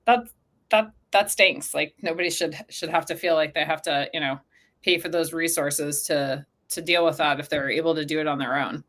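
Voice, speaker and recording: Her voice sits low and her speed is normal as this co-founder talks casually in an interview. She animatedly voices imagined people while explaining, and she uses "like" frequently.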